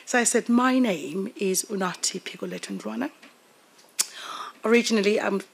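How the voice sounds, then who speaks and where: A woman's voice: mid-range voice, moderate pace, gravelly, slightly rough, low-quality recording. A woman from Africa, giving a workshop talk in a seminar room at a desk mic, thoughtful with frequent fillers and repeated words. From South Africa. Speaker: workshop presenter. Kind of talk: academic talk. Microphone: desk microphone.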